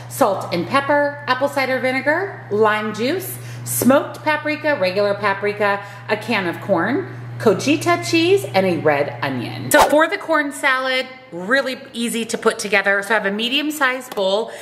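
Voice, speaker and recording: A woman in her thirties chatting brightly through a cooking walkthrough in her home kitchen. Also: fairly high pitch, animated, moderate pace, a little hiss or hum. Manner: upbeat, chatty. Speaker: food vlogger.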